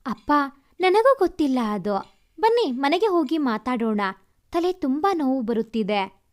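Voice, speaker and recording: A woman's voice: high voice, very animated, measured pace, darkish tone. A woman voicing an earnest young man in love who blusters when he is angry. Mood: weary.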